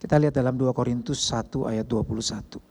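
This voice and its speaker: Man, pastor, sermon, husky voice, lively preaching, English phrases mixed in. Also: mid-range voice, fast.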